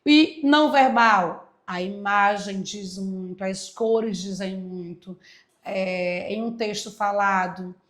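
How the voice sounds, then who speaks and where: A woman teacher walking through exam answers, emphatic, stretching key words out slowly and answering her own questions. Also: medium pitch, a bit bright. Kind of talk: exam walkthrough lesson.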